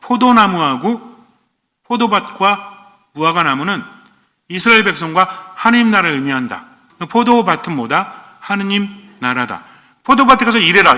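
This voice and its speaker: Male priest, sermon, bright forceful tone, rather high pitch, long hall reverb. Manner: asks the congregation questions and answers them himself; acts out short quoted lines.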